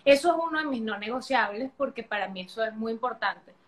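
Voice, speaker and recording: A woman guest talking loudly and energetically on a live video chat, projecting her voice the way she does when teaching. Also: a little high, lively intonation, fast. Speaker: sexologist guest. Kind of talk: casual live-stream chat.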